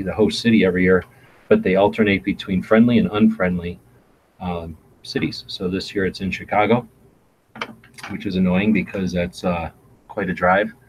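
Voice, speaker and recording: A man's voice: sits low, slight background noise, low-quality recording. A man hosting a casual live-stream chat, rambling along with many fillers and restarts. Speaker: gun channel host. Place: home in Arizona.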